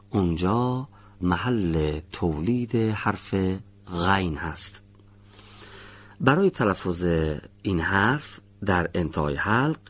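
Husky low-voiced male recitation teacher. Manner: patient, demonstrates sounds slowly and repeatedly. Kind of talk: classroom lesson on letter pronunciation. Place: studio.

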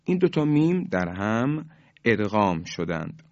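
A man teaching Quran recitation on the radio, explaining each rule and slowing down to model the recited examples. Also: fairly low pitch, big pitch swings, a little mellow, no echo, highs cut off.

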